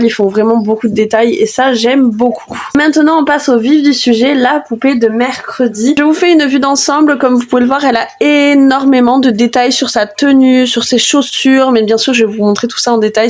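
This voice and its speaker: A woman doll collector giving a chatty, enthusiastic review, often pausing to hesitate. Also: fairly high pitch. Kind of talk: casual unboxing review.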